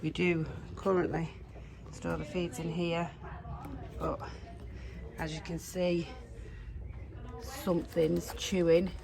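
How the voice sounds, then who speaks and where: A middle-aged British woman with a croaky voice, chatting casually to viewers as a horse-owning vlogger. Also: on the low side, flat delivery, slow, pauses often, crowd noise. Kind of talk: casual vlog chat. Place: in a car, then a stable yard. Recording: handheld vlog with background noise.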